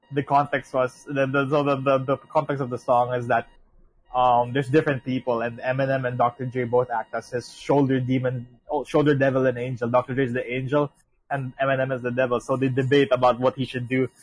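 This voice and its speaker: A man's voice: mid-range voice, flat delivery, brisk, low-quality recording. A young man co-hosting a casual podcast, rambling with lots of restarts and swearing. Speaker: podcast co-host. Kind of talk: casual chat.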